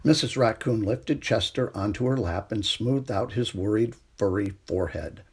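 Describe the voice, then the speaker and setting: A man's voice: lowish voice, moderate pace, slightly rough. A man narrating a children's storybook expressively as a storytime reader.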